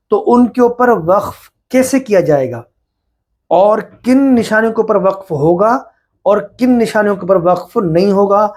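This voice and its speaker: A man from Pakistan with a Pakistani accent, a Quran teacher giving a patient whiteboard lesson and slipping English terms into his explanations. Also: high voice.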